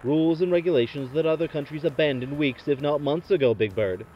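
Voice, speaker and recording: A man doing a deadpan comedy bit as a trucker talking over a CB radio, full of radio lingo. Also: on the high side, a little fast, muffled recording, slight background noise.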